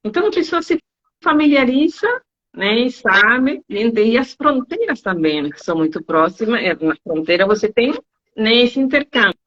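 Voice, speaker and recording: Speaking at a normal pace, the woman, both a travel agent and a Spanish teacher, tells animated stories in an interview conversation. She imitates her students in high voices, and the sound is dull and lo-fi.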